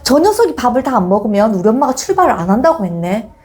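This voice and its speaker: A woman's voice: on the high side, quick pace. A middle-aged woman giving an informal parenting lecture, telling stories expressively and acting out the examples. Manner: expressive storytelling, acts out examples.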